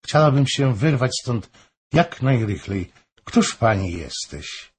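A man's voice: mid-range voice, expressive, slow, slight background noise, pitched above the performer's own voice. A man reading an audiobook, voicing a proud young woman who answers firmly and with indignation. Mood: indignant.

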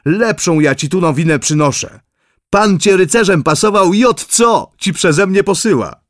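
A timid young girl in an old storybook tale, her voice pitched well up and rising brightly when she gets excited, as a male reader puts her on. She speaks softly and quickly. The recording is close and dry. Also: dry recording. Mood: eager.

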